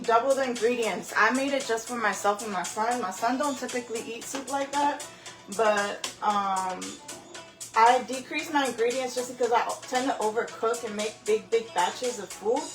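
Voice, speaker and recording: A young woman talks her viewers through a home-cooked meal in her own kitchen, chatty and loose and quick to laugh at herself. Her voice sits a little on the high side. Faint music plays underneath. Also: echoey room. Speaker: home cook vlogger. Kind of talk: casual cooking vlog.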